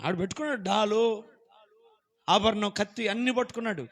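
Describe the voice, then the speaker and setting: Man preaching in church, pretty high voice, fervent, loud shouted bits then goes real quiet. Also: brisk. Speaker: pastor. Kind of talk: sermon.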